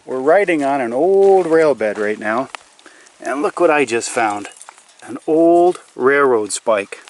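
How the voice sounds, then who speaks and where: A man's voice: mid-range voice, lively intonation, takes it slowly, soft background music. A middle-aged man talks to viewers in an outdoor vlog, folksy and full of wonder. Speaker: vlogger. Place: outdoors in woods and a logged clearing. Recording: windy outdoor audio, far from mic.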